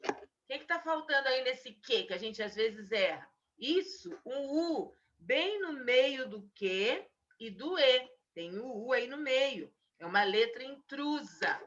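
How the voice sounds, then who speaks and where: Bright-voiced teacher over a dull call. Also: female voice, sits high, lively intonation. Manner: patient, drawn-out dictation of single words. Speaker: primary school teacher. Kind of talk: remote spelling lesson for children. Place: home, on a video call. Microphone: video call mic. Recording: dull lo-fi video call audio.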